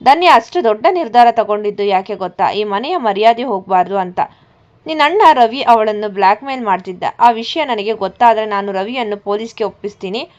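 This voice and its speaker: A man's voice: sits high, animated, a little fast. A woman voicing a stern, protective young husband who speaks firmly, on a dull lo-fi recording. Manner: firm, threatening in defense of his wife.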